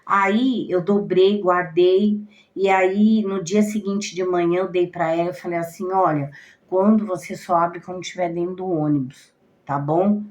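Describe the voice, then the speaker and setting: Brazilian woman telling a story, animated. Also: on the low side, unhurried. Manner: animated, repeats herself, trails off. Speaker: cigana card reader. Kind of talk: casual storytelling to viewers.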